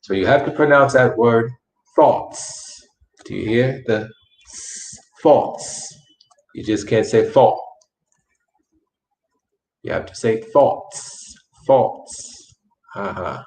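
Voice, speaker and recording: A man teaching English in a language lesson, speaking slowly and repeating words with careful enunciation. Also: lowish voice, gravelly. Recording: echoey room.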